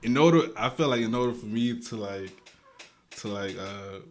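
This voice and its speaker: This guest rapper is a young man from Guatemala speaking loosely and casually in an interview, his voice sitting on the low side at a normal speed. There's slight background noise, and his slangy talk keeps restarting and filling gaps.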